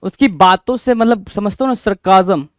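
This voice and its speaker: High-voiced animated male vocabulary teacher. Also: moderate pace, no echo, clean studio sound. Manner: animated, repeats words with quiz-like questions. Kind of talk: Hinglish vocabulary lesson.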